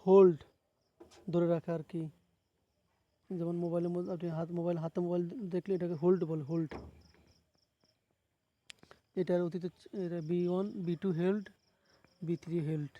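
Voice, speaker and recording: A man's voice: sits high, little pitch movement, quick pace, no echo, muffled recording. A man with a Bangladeshi accent teaching a lesson, repeating each word and explaining its meaning plainly. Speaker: English teacher. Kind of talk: classroom lesson on verb forms.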